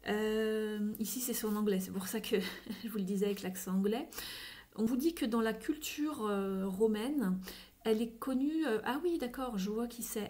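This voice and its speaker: A woman giving a casual tarot reading, thinking aloud with frequent fillers and slipping into soft whispery asides. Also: medium pitch. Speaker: tarot reader.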